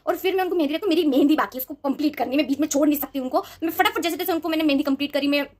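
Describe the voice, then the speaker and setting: Fast-talking young woman telling a story. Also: high voice. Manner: animated, rushed retelling with many restarts and fillers. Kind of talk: casual personal storytelling.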